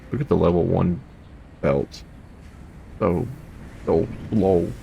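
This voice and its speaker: Low gravelly man rambling over gameplay. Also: takes it slowly, mellow, slight background noise. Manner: rambling, chatty, hums to himself. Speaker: gaming video host. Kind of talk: casual let's play commentary.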